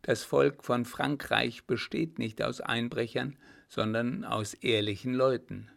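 A man's voice: mid-range voice, steady tone, slow, vocal fry, heavily acted. A man doing a bold German officer. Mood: rousing. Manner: firm, confident, somewhat louder delivery. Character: bold young German officer, calm and commanding.

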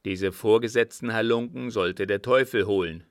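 A man reading an audiobook voices a gruff old field marshal who bursts out loudly with blunt oaths. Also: lowish voice, unhurried, no echo, clean studio sound. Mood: blustering. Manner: loud blunt outbursts and oaths.

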